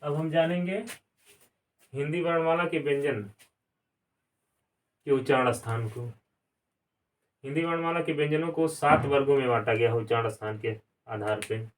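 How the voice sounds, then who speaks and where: A man's voice: mid-range voice, fairly even intonation, normal speed, pauses often. A male grammar teacher giving a classroom lesson, asking questions and answering them himself, repeating key words. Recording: distant mic, some room sound.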